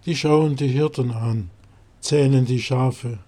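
A man's voice: medium pitch, fairly even intonation, slow, mellow, close to an everyday voice. A man voicing a grumbling, stubborn sheep in a storybook nativity crib, defiant and complaining.

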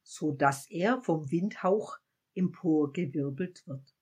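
A woman voicing a gentle, wise old man in a spoken fable, speaking calmly and with measured patience. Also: deep voice, breathy edge, exaggerated voice.

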